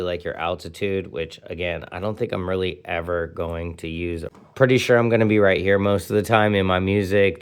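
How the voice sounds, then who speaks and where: A gadget review comes from a man with a lowish voice who handles the product as host, talking eagerly in loose slang and peppering it with punchy interjections.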